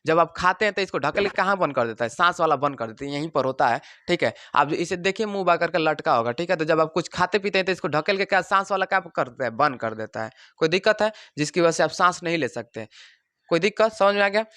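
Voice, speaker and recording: A man teaching a science class, animated and joking, acting out the parts of the body as little characters and checking again and again that the students follow. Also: fairly high pitch, fast talker, no room sound, clean studio sound. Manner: keeps asking if students understood. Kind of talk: classroom lecture.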